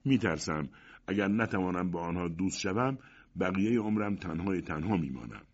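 A lonely, fearful monster, as a male reader puts him on, speaking in a very low voice with humble, anxious politeness. It is a storybook reading on a dull, lo-fi recording. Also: lively intonation. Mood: pleading.

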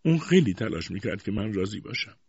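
A man voicing a timid, tearful young widowed mother who answers softly and meekly, in a dull, dry lo-fi recording. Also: low-pitched, very animated, creaky, slightly rough, dry recording, full character voice. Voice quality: soft, meek, hesitant.

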